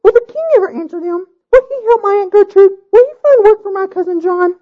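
A man voicing a shrill, frantic young bride who screeches and pleads in a storybook reading. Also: lively intonation, a little fast. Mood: demanding. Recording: dull lo-fi recording.

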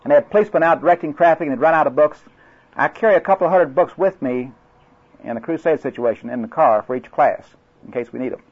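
Captured on a dull lo-fi recording, this older Oklahoma man with an Oklahoma accent trains class instructors as an evangelistic crusade class instructor. Fast, husky and fairly high-pitched, he drawls, jokes and tells folksy stories, rambling through anecdotes and restarting often.

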